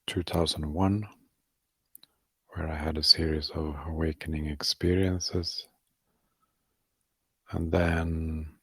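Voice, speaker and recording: In a low, creaky, nearly monotone voice, a man softly guides a meditation. His calm phrases are short and halting, separated by long gaps, and his instruction is unhurried. There is no room sound.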